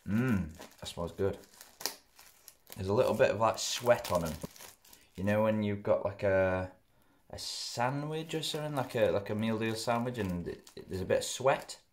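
Young guy, lowish voice, chatty home food vlogger, talks while chewing. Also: normal speed. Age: young adult. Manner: chatty, rambling, mouth often full while chewing. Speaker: food reviewer. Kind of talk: casual food review vlog. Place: living room at home, indoors. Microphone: camera close in front.

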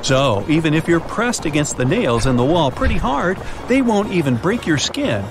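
A man narrating a survival riddle story in the second person, with lively dramatic delivery and quiz questions to the listener. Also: fairly high pitch, moderate pace, over music. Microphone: studio voice-over.

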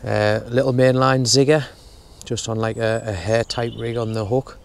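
A young man explaining his fishing setup in a relaxed, step-by-step way while outdoors at a lake. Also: medium pitch, normal speed, vocal fry. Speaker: fishing vlogger. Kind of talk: casual how-to narration. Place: outdoors at a lakeside bank.

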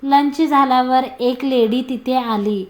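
High-voiced woman reading a story. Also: slow pace. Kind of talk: reading a romantic story aloud.

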